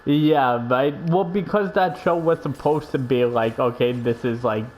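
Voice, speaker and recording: Rambling man, mid-pitched voice. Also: a little slow, darkish tone, a little hiss or hum, rough recording. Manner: rambling, filler-heavy, swearing. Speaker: podcast co-host. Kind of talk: casual chat.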